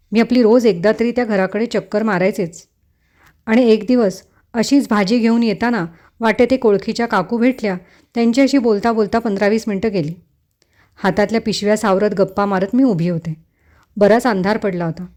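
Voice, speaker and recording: A woman's voice: medium pitch, a little mellow. Woman narrating a first-person romance story.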